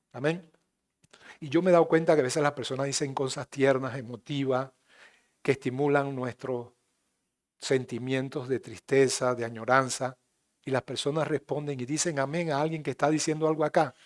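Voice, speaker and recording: A man with a Panamanian Spanish accent preaching a sermon in church, swinging between loud emphatic rises and quiet asides. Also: on the high side. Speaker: pastor.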